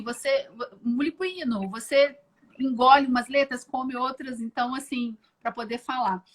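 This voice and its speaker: A Brazilian woman with a Brazilian accent, guest on a live video call, chatting and telling stories with many restarts. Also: fairly high pitch. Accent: Brazilian Portuguese. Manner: chatty, many restarts and fillers, lively storytelling. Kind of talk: casual interview chat.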